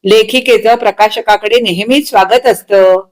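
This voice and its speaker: A woman's voice: mid-range voice, normal speed, close to an everyday voice. A woman reading a story aloud, voicing a cheerful, easygoing elderly man in his eighties. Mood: genial. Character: elderly genial male publisher, eighty-two.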